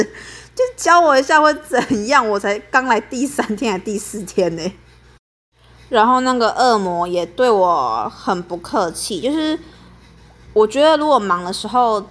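A woman's voice: medium pitch, a bit bright. A young woman, telling a story as a podcast host in a chatty, aggrieved way.

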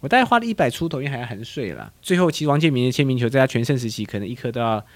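A man's voice: mid-range voice, animated, racing. A man in his forties with a Taiwanese Mandarin accent, hosting a casual chat and quizzing his guest like a teacher. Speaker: host. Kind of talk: casual show-and-tell chat.

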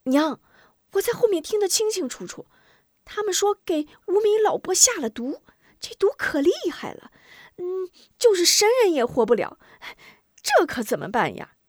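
A woman voicing an eager young boy who pleads urgently in a high, loud voice. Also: very animated, moderate pace, no room sound, studio quality.

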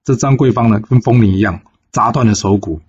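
A man casually narrating a classic folk tale in a relaxed, filler-heavy way. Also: on the low side, fairly quick, dull audio, slight background noise. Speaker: storyteller.

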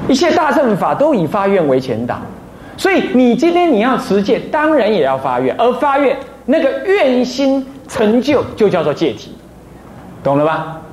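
A man's voice: high-pitched, a little mellow. A man from Taiwan, a Buddhist abbot, giving a dharma talk, mixing in phrases and often asking listeners rhetorical questions. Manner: mixes Taiwanese phrases into Mandarin. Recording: roomy echo, faint noise.

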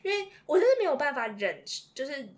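Lively young Taiwanese woman host. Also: high-pitched, quick pace. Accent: Taiwanese Mandarin. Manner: animated, laughs often mid-sentence. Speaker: podcast host. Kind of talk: casual storytelling chat.

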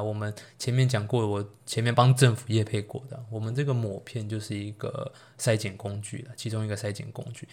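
Low-voiced Taiwanese Mandarin doctor, joking. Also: male voice, darkish tone. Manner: chatty and joking, with playful asides. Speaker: doctor hosting a health podcast. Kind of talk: casual solo medical explainer podcast. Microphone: solo podcast recording.

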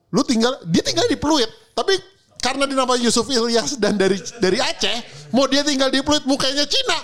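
A man in his thirties co-hosting a podcast, telling stories in animated bursts, swearing and acting out quotes. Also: very high-pitched. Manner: animated storytelling, swears a lot, acts out quotes. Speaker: podcast co-host. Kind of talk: casual chat.

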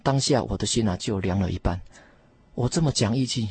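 A young man, a theology student, telling his testimony emphatically in a radio interview, with many drawn-out fillers. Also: lowish voice, darkish tone, slightly rough, no room sound. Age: young adult.

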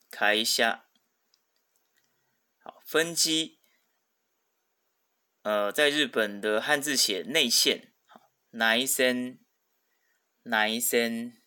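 A man's voice: mid-range voice, bright, forceful tone. A man teaching vocabulary in a podcast lesson. He speaks patiently, says each word twice and often starts sentences with a filler. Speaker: Japanese language teacher.

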